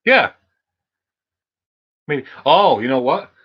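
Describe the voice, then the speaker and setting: A man's voice: a little high, sing-song, takes it slowly, slightly rough, lo-fi sound. A man hosting his channel's Q&A stream, rambling casually with lots of fillers and restarts. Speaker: channel host. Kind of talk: casual live Q&A chat.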